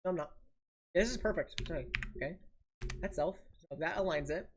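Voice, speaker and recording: A woman's voice: fairly low pitch, moderate pace, background noise. A woman streaming a building game, casually thinking aloud and muttering each step to herself. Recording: audible keyboard typing and clicks.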